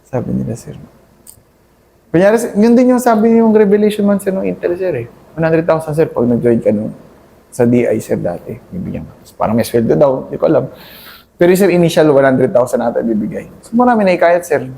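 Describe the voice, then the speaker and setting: A man in his thirties, an army captain, earnestly recounting combat in a halting, deferential way, addressing his host as "sir" constantly. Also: fairly high pitch, lively intonation, gravelly, warm tone. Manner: deferential, says "sir" nearly every phrase; earnest, halting storytelling with many restarts. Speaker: army captain, interview guest. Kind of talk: conversational war recollection.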